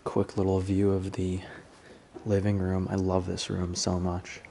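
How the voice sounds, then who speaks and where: A man with a deep, mellow voice talks his way through an empty house in a relaxed, musing walkthrough. The camera mic picks him up with a faint hiss behind him. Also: unhurried, vocal fry. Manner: relaxed, musing, low-key asides. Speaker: urban explorer filming a tour. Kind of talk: casual walkthrough narration. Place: indoors in a large empty house.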